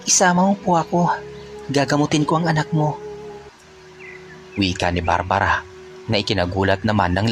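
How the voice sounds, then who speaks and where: A man narrating a folk tale in a steady, unhurried storytelling manner. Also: low-pitched.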